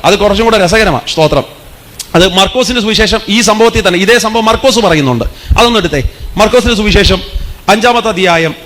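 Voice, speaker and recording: A man preaching a revival sermon with a bright, forceful edge to his voice. He keeps putting questions to the congregation and calling on them to give praise. His voice sits high for a man. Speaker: pastor. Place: church meeting.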